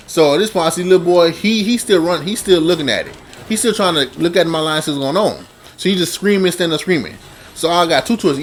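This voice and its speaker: A man casually telling a long personal story to camera, rambling and repeating himself, with sudden jumps in pitch and loudness.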